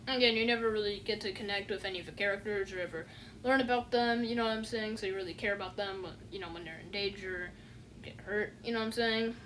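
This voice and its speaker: Speaking quickly in a slightly bright mid-range voice, a woman reviews something online in a casual, rambling way, full of fillers and unimpressed dismissiveness, repeatedly saying "you know what I'm saying." The recording is rough, with slight background noise.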